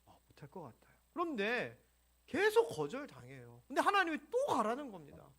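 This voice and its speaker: A pastor gives an animated Sunday sermon in a church, acting out scripture scenes and putting questions to the congregation. The voice is bright and carries, with pitch that leaps widely. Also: brisk. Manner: animated, acts out biblical dialogue, asks the congregation questions. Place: church sanctuary.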